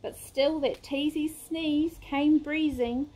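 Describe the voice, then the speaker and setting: A woman reading a rhyming picture book aloud in a sing-song, expressive way. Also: high-pitched, takes it slowly. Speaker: storybook reader.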